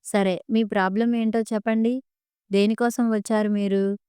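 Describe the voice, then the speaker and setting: A woman's voice: mid-range voice, flat delivery, moderate pace, warm tone, clean tone, dry recording, studio quality, natural voice. A woman voicing a young woman dentist who talks to a patient in a curt, sneering way, read in an audiobook story. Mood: brisk.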